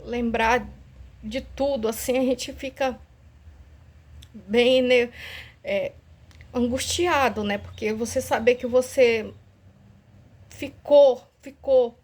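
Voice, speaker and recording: A woman's voice: a little high, steady tone, slow, long pauses. A woman telling her dream as an emotional spoken testimony, earnest and pleading, acting out her prayers aloud and anxious, her heart racing. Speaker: church member sharing a dream.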